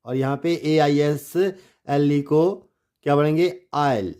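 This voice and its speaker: Guy teaching pronunciation in hindi, slow and patient, keeps repeating words and asking questions, kinda higher voice. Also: fairly even intonation, warm tone, clean tone. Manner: slow, drills words and repeats them, asks rhetorical questions. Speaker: English teacher. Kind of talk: Hindi-language English pronunciation lesson.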